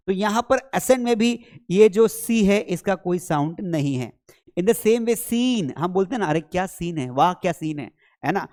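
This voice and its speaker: A lively, chatty man with a high voice teaches an English spelling lesson. As he explains, he poses questions and then answers them himself.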